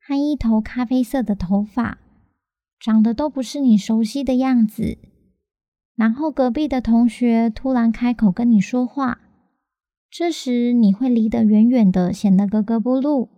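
A woman's voice: on the high side, mellow, no echo. A woman hosting a children's story podcast, telling a story as if reading to a toddler, in simple phrases with questions for little listeners. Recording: music behind the voice.

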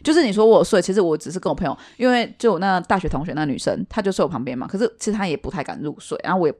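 Woman cohost, quick and very expressive storyteller. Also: on the low side. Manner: animated storytelling, laughs often, acts out quotes. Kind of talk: casual ghost-story chat.

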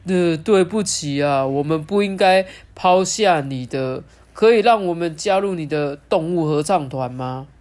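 A woman's voice: low-pitched, unhurried, few pauses, a little mellow. A woman with a Taiwanese Mandarin accent voicing a big, fat, apologetic walrus in a children's storybook, pleading tearfully.

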